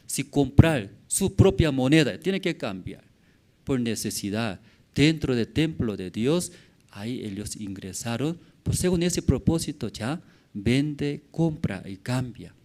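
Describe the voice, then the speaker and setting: A man preaching a sermon as pastor, with halting phrasing and many questions to the congregation, swinging from loud exclamations to quiet murmurs. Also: fairly high pitch. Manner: asks the congregation frequent rhetorical questions.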